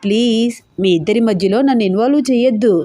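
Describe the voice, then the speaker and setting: A woman voicing a cheerful young woman who gently teases her friends in an audio story. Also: a little high, quick pace, no room sound, lightly acted. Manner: lighthearted, coaxing.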